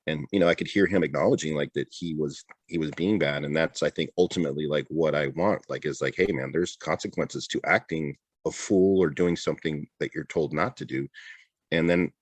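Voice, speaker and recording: A middle-aged man speaks in a low, deep voice, telling his story candidly in a relaxed podcast chat. He often repeats and restarts phrases as he goes. The sound is dry and close to the mic. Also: brisk, no room sound. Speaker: interview guest, retired border patrol agent. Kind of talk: casual conversational interview.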